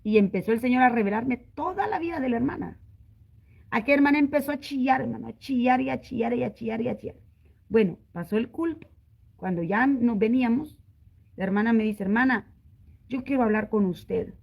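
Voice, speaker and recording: A middle-aged woman evangelist preaching a testimony sermon, telling her story in an animated way and calling her listeners brother again and again. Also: on the high side, fairly quick, creaky, husky, poor audio.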